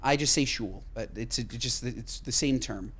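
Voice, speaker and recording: With a mid-range, fairly bright and slightly rough voice, a man co-hosting a podcast talks casually in quick bursts. He's emphatic and swears without a second thought.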